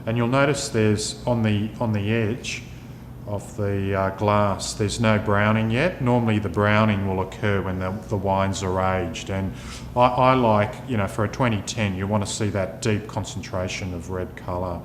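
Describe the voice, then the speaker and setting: Low-voiced man giving halting wine tasting notes. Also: steady tone. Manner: descriptive tasting talk with halting pauses. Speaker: winemaker presenting his wine. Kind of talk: sommelier tasting notes, unscripted wine talk. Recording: echoey room, clear rumbling background noise.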